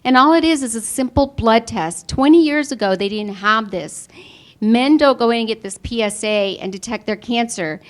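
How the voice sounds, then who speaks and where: Before a live audience, a woman who is an insurance member gives an earnest personal testimonial, her voice occasionally tearful. She speaks at a normal speed in a slightly high voice.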